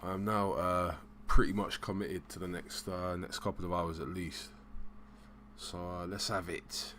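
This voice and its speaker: A man hosting a casual live stream, rambling and hesitant, giving shout-outs in slang. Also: low voice, fairly even intonation, measured pace, a little hiss or hum. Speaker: livestream host.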